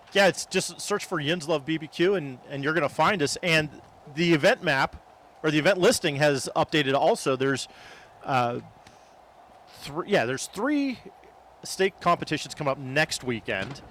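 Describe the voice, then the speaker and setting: Traffic and outdoor noise sit behind a man. His voice is a little higher than average, and he talks casually, like a guest on a relaxed podcast interview. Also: a little slow. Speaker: podcast guest, barbecue promoter. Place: outdoors at a market. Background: vehicles and outdoor ambience.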